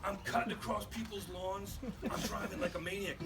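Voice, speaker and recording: A man and father telling a boisterous comic story live to an audience, driving toward his punchlines, recorded from a distance over a loud crowd. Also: high-pitched, brisk. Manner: animated, boisterous, punchline-driven. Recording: far mic, loud crowd and noise, live event.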